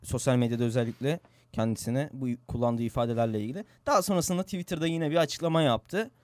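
A man's voice: mid-range voice, fast talker, a little mellow, no room sound. A young man hosting a radio show in casual chat, earnest and agreeable, repeating his points. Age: young adult. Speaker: radio host.

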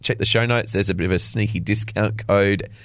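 A man's voice: fairly low pitch, steady tone, fairly quick, vocal fry. A man co-hosting a podcast, talking in an easygoing, casual way. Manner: easygoing, wraps up the show with sign-off plugs. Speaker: podcast co-host.

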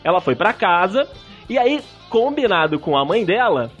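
A man's voice: sits high, very animated, moderate pace, a bit bright, muffled recording, soft background music. A Brazilian man co-hosting a podcast, telling a personal story in a casual, self-mocking way. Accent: Brazilian Portuguese. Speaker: podcast co-host.

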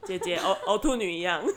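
A woman's voice: on the low side, noisy background. A young woman co-hosting a casual podcast, teasing her co-host and steering the talk. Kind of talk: casual chat.

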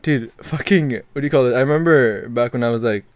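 A man's voice: medium pitch, quick pace, no room sound. A young adult man in casual chat, using street slang with lots of bro, dude and dog. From outside Canada, moved there as a child.

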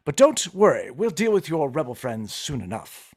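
A man's voice: on the high side, big pitch swings, a little mellow, husky. A man voicing a cold, imperious older imperial commander with a British accent, in a playful podcast scene reading. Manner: measured, menacing delivery.

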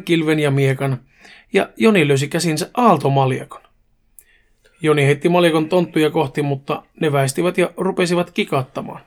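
Man reading a crude comic horror story. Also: fairly high pitch. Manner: brisk storytelling with casual swearing. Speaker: podcast host.

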